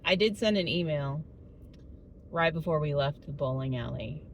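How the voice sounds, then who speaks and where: A middle-aged woman with a deep voice and moderate pace chats informally to camera as a family vlogger, talkative and laughing often. Steady car and road noise runs underneath.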